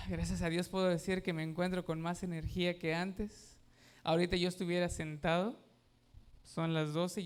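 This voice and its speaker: A man's voice: high-pitched, clean tone. A man, a pastor preaching a sermon, emphatic and asking the congregation questions. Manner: emphatic, asks the congregation questions and has them repeat.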